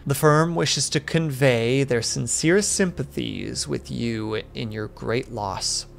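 A man reading aloud and voicing an uneasy company messenger who speaks quietly and stiffly formal. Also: medium pitch, takes it slowly, creaky, slight background noise. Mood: somber.

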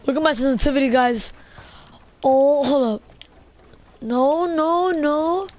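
A young woman in her twenties streaming a shooter game, chattering excitably and rambling with lots of "like" fillers. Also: high-pitched, takes it slowly. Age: 20s. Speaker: gamer streaming. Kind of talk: casual gameplay chatter.

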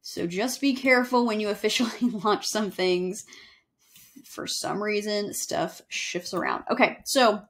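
A young woman giving a casual screen-share software tutorial, chatty and self-correcting as she walks through each step. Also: mid-range voice. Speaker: email marketing instructor. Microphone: webcam overlay on screen recording.

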